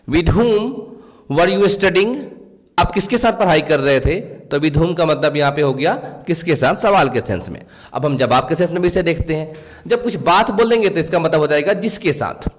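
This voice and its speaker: Guy teacher, highish voice, reads examples slow, reverby room. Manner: explains in Hindi, reads English examples slowly. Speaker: English teacher. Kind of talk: spoken English lesson.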